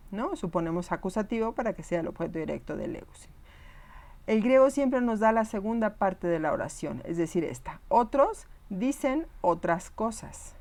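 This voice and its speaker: A woman's voice: mid-range voice, darkish tone. A woman giving a recorded online lesson, explaining patiently and often checking whether her students follow. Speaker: teacher.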